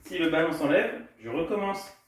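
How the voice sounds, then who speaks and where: A man's voice: a little high, expressive, normal speed. A man coaching a baby gym session for small children at home, talking in a cheerful, sing-song way while he demonstrates the moves. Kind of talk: instructional talk to small children. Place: indoor room at home. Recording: echoey room, distant from mic.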